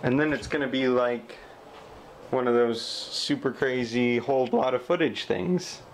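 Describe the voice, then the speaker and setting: Joking dad vlogging with a handheld camera. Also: male voice, mid-range voice, measured pace, a little hiss or hum. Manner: joking, chatty, talks to camera. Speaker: family vlogger. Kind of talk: casual home vlog. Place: cluttered living room at home.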